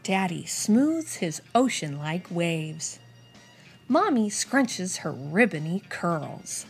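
A lowish-voiced young adult woman hosts a children's storytime, reading a picture book over soft background music. Her animated, deliberate reading is pitched expressively at young kids.

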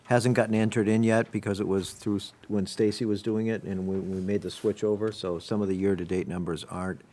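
A man with a fairly low voice explains town budget lines at a board meeting, walking through each item step by step. He speaks into a table microphone in a municipal meeting room. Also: little pitch movement, brisk, mellow.

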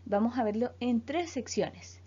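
A woman from Chile, an English teacher speaking slowly and clearly as she leads a school lesson. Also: fairly high pitch, warm tone. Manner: slow, clear teacher delivery, repeating words for students. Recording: dull lo-fi voice recording.

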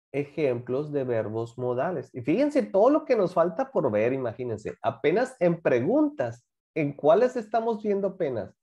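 A man's voice: medium pitch, a little mellow, highs cut off. A man teaching a class, patiently explaining grammar and repeating examples while asking students to join in. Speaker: English teacher.

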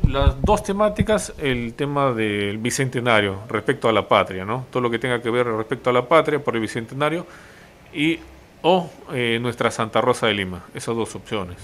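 A man, a police officer answering questions in a local TV interview, halting and full of fillers and tag questions. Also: medium pitch, lively intonation, a bit bright, slight background noise.

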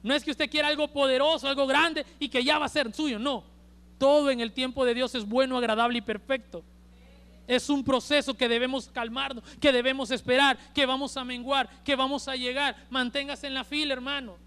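A male preacher with a Honduran accent delivering an emphatic sermon at a church service, swinging between loud and hushed. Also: very high-pitched, steady tone, fairly quick, clean tone. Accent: Honduran Spanish.

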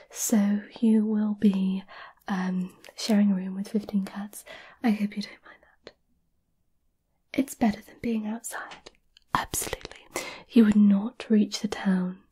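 This ASMR performer, a woman in her 20s, leans near the microphone and whispers in a breathy, medium-pitched voice. She's role-playing a kind, caring witch who has lived for centuries and offers potions, sounding calming yet a bit unsure, all within a small room lit by candles.

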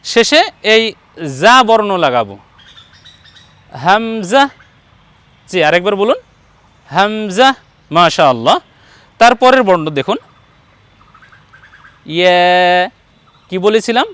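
A man's voice: high-pitched, very animated, unhurried, long pauses, fairly bright tone, clean tone, no room sound. A man teaching Quran recitation one-on-one, patiently modelling each letter sound and encouraging his student. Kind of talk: patient one-on-one pronunciation lesson.

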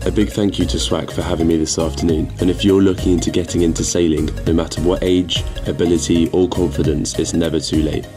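A man reads the documentary narration in a very deep, steady voice with a clear, measured delivery. Faint music plays beneath the voice-over. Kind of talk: scripted narration.

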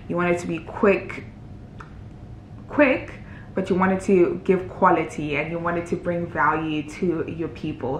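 A young woman walking through her video edits in a casual tutorial, relaxed and chatty, thinking aloud as she goes. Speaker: fitness creator showing her editing workflow. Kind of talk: casual screen-recorded tutorial. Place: indoor room, voice-over on a screen recording. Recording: roomy with faint rumble.

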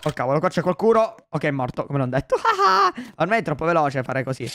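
A young man commenting on a video game for his viewers, excitable and full of exclamations. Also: on the high side, fast talker, slight background noise. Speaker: gaming YouTuber. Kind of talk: Let's Play commentary.

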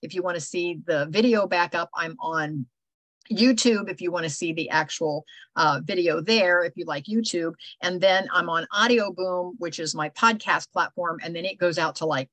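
A woman's voice: on the low side, normal speed, a bit bright, dry recording, low-quality recording. Chatty older woman hosting. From Ohio. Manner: chatty, rambling, with many fillers and restarts. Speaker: host. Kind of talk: casual chat on a video call. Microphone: video call microphone.

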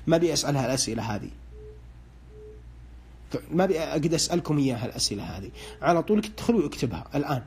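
A man's voice: a little high, very animated, rapid-fire, pauses often, a little mellow, slightly rough. A man on a live broadcast, interpreting dreams and asking callers short questions, with a pious, hedging way of speaking. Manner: hedging with religious phrases.

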